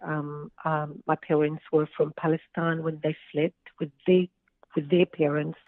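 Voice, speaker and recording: A woman's voice: deep voice, little pitch movement, unhurried, no room sound. A woman from Lebanon, an author guest speaking earnestly from her home over the phone, with hesitant fillers. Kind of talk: phone interview. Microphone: phone line. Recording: tinny dry phone line.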